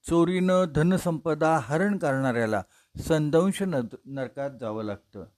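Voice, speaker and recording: Man giving a measured religious discourse. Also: fairly high pitch, darkish tone. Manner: measured explanatory preaching with listed examples. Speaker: religious storyteller. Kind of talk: Bhagavata discourse.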